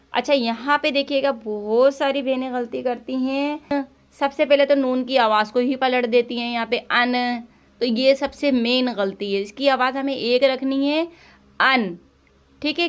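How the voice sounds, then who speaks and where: A woman teaching Quran recitation online, patiently correcting pronunciation, repeating syllables and drawing out recited words slowly. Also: sits high, fairly bright tone, smooth. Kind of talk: online tajweed lesson.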